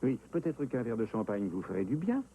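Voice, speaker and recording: Soft dark-toned actor doing a charming teasing suitor, swoopy pitch, soap dub. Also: male voice, very animated, a little fast, a little hiss or hum, close to an everyday voice. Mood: playful. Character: gallant, playful, tender male suitor. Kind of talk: dubbed TV soap acting.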